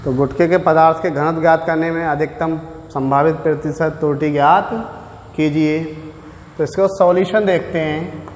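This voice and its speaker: Male teacher, slightly high voice, patient step-by-step explainer; echoey room with long reverb. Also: steady tone, moderate pace, a little hiss or hum. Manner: patient, explains step by step, addresses students directly. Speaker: physics teacher. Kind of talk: classroom lecture solving numericals.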